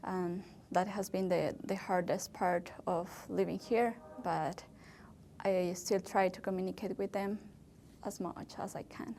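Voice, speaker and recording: A young woman from Ecuador, a native Spanish speaker, answering interview questions in English slowly and hesitantly, with many fillers. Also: lowish voice, fairly even intonation, creaky, dark tone, a little hiss or hum. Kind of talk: oral history interview.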